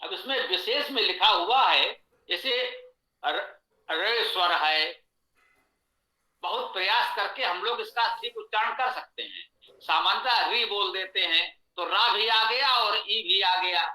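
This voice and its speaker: A man teaching a Sanskrit pronunciation lesson, explaining slowly and patiently with much repetition. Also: high voice, pushed and bright, reverberant, poor audio. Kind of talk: online lesson lecture.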